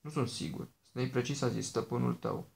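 A man's voice: medium pitch, gravelly, darkish tone. A man reading the part of an earnest teenage boy wizard who talks plainly and asks eager questions.

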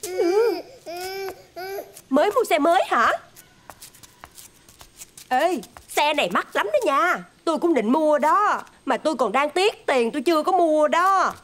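An actress playing a nosy, boastful single neighbor who mocks others, speaking with a Southern Vietnamese accent. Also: female voice, high voice, lively intonation, a little slow, pauses often, a bit bright. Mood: fake-sympathetic. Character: nosy, smug single woman who loves to gossip. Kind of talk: TV drama acting.

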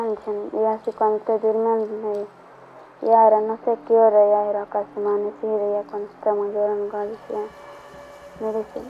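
A woman from Peru giving documentary testimony, speaking haltingly with frequent restarts and trailing phrases. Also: medium pitch. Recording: tinny phone-like audio with faint music.

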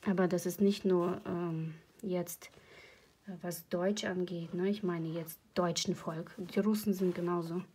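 Husky-voiced chatty woman. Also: fairly low pitch, fairly even intonation, measured pace, dark tone. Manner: chatty, rambling and emotional, laughs often. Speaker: crochet channel host. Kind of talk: casual vlog chat. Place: at home.

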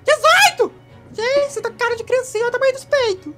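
A woman's voice: very high voice, quick pace. A woman voicing a ditzy, rude, tipsy female reporter at a party in a comedy skit, theatrical and whiny. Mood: brash. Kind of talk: comedy skit role-play. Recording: music playing behind.

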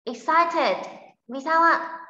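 Woman teacher, high and bright, patient explainer who keeps checking the class, roomy dull recording. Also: extremely slow. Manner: checks understanding with frequent tag questions. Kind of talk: online English lesson for a class. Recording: roomy, slightly dull sound.

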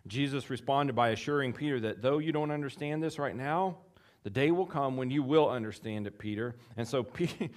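A man preaching a sermon, acting out the quotes in his text with big jumps in voice and chuckling between points. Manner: animated, acts out quotes with big pitch jumps. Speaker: pastor.

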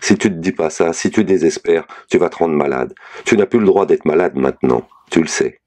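A man reading aloud, voicing a firm mother who speaks in a forceful, colloquial way to urge her daughter on. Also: deep voice, brisk, natural voice. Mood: urgent, firm. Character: mother, firm and steadfast woman.

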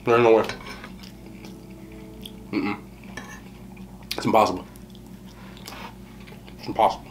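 A man's voice: lowish voice, fairly even intonation, takes it slowly, a little hiss or hum. A man chewing while talking as he eats on camera, a slangy mukbang vlogger who keeps repeating short exclamations. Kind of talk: casual chat to camera.

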